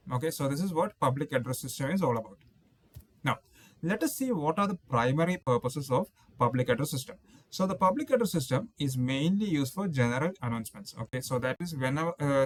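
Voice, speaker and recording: A male instructor delivers an explanatory technical lecture in a mid-range voice. He works through points methodically and often rephrases them.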